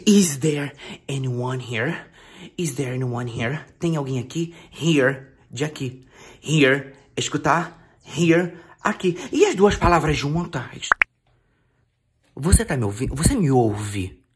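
A man's voice: mid-range voice, animated, slow pace, slight background noise. A man with a Brazilian accent giving a casual, playful English lesson, repeating phrases and switching between Portuguese and English. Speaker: English teacher.

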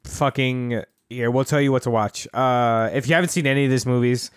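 A man's voice: medium pitch, fairly quick, clear, resonant tone, dry recording, clean studio sound. Hesitant man co-hosting a film podcast. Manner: hesitant, stammering, laughing, swearing. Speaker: podcast co-host. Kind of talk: casual chat about films.

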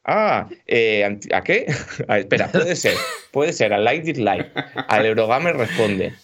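A man with a Spain Spanish accent hosting a casual live-stream podcast, joking and animated as he chats and laughs. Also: on the low side, measured pace. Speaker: host.

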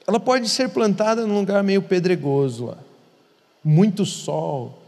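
A man's voice: high voice, unhurried, darkish tone. A man who is a pastor, teaching in an earnest conversational way and repeating words for emphasis. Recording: long hall reverb.

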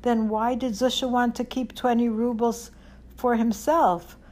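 A woman's voice: fairly high pitch, level tone, measured pace, a little mellow, voice pushed up. Woman reading as a stern town rabbi. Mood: remorseful. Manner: stern, then shaken and apologetic. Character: indignant male town rabbi.

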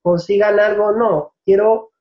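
Man from Venezuela, Spanish teacher, high voice, thoughtful and halting in a casual interview, muffled lo-fi sound. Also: fairly even intonation. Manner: reflective, searches for words, laughs easily. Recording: dull, lo-fi recording.

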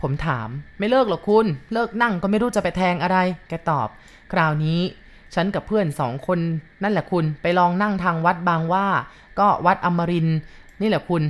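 A woman reading a ghost story aloud in a steady, unhurried storytelling manner. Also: on the low side.

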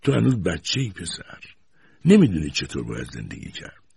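A man voicing a gentle, loving old grandmother who speaks softly and soothingly. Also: sits low, wildly swooping pitch, vocal fry, husky, exaggerated voice. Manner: soft, tender and soothing.

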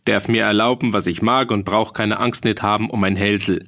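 A man's voice: on the low side, fairly even intonation, a little fast, fairly bright tone. A man voicing a boastful, jolly mercenary soldier in an audiobook reading, hearty and bragging. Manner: hearty, bragging, dialect-heavy.

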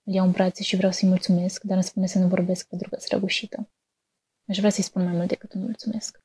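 Twenty-something woman from romania reading her story, calm and steady, kinda husky voice. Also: fairly low pitch. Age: 20s. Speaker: narrator. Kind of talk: scripted personal narration.

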